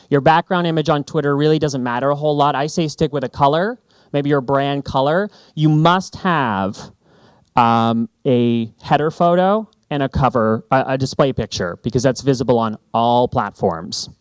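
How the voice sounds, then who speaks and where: A man giving a lively, joking presentation on stage. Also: medium pitch, moderate pace, no room sound. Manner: animated, joking, emphatic. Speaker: branding speaker. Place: conference stage.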